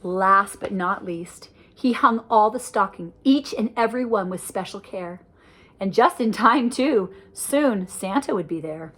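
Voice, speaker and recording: Unhurried and mid-range in tone, an elderly woman gives a spirited, sing-song reading of a rhyming children's picture book, stopping for chatty notes about the illustrations. Some light background noise can be heard.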